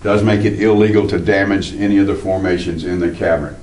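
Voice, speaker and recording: A man's voice: low-pitched, steady tone, brisk, darkish tone. A man working as a cave tour guide, explaining things informally and conversationally to a small group. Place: inside a cavern. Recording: echoey cave, distant from the mic.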